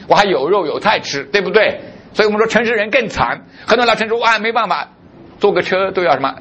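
A man's voice: on the high side, a bit bright, husky, dull audio. A male pastor preaching a sermon, who keeps putting rhetorical questions to his congregation.

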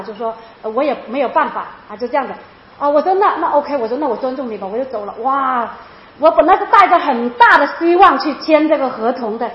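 In a roomy, dull lo-fi recording made in an echoey space, a high-pitched woman rapidly tells her personal testimony. Her retelling is animated and emotional, full of repetition.

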